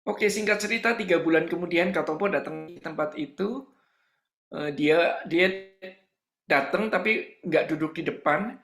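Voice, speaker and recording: A male pastor preaching in an animated storytelling style, acting out the dialogue as he goes. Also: on the high side, a little slow, reverberant, faint music behind. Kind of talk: storytelling sermon.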